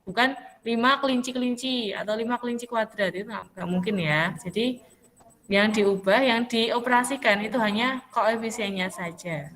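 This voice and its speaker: A woman's voice: fairly high pitch, normal speed, a bit bright, big-room sound. A woman teaching a math class, patiently questioning students and calling them by name.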